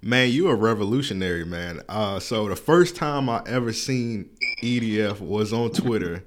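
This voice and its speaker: A man's voice: lowish voice, lively intonation, moderate pace. A man hosting a podcast, chatting loosely with lots of slang and filler words. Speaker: podcast host. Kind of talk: casual interview chat.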